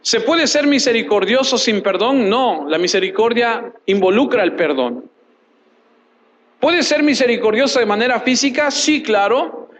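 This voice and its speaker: In a church, a male pastor with a very high-pitched voice and lively intonation delivers a sermon, heard through poor audio. He poses questions and answers them himself, repeats short phrases for emphasis, and reads scripture aloud in a measured way.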